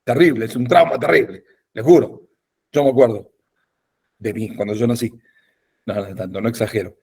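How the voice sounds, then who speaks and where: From a home or office in Jerusalem, a man teaches a rabbinic class over a video call, keeping it informal, lively, and funny. He often asks "ok?" to make sure students follow. His mid-range voice moves at a moderate pace, with vocal fry and a breathy edge.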